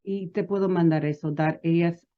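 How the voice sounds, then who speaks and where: As a guest in an interview, a female business advisor talks casually and switches between Spanish and English at times. She has a fairly low, steady voice at a moderate pace, captured in narrow, tinny audio.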